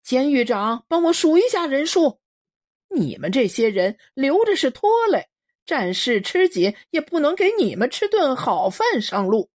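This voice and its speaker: A woman's voice: mid-range voice, big pitch swings, moderate pace. A woman voicing a ruthless male militia commander who talks with cold, sneering contempt, in a storybook reading.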